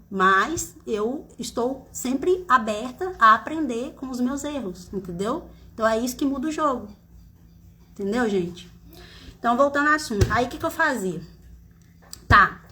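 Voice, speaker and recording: A Brazilian-accented woman with a high, bright, ringing voice talks straight to her viewers on a phone-camera live stream. She is chatty and animated, leaning on tag questions as she shares lessons from running a confectionery. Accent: Brazilian Portuguese. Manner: animated, dramatizes her own past despair. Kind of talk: casual motivational live chat.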